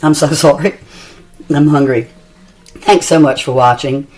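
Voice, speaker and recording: A woman's voice: deep voice, fairly even intonation, unhurried. A middle-aged woman chatting homely through a cooking demonstration in her home kitchen, tasting as she goes. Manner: chatty and homey, talks while tasting. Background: soft music and kitchen clatter.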